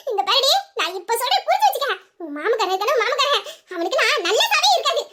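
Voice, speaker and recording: A woman's voice: very high voice, sing-song, fast, heavy background noise. A woman voicing an indignant young woman who scolds and curses her friend's cruel in-laws. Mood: vengeful. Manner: scolding, cursing, heated. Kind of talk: Tamil audio story acting.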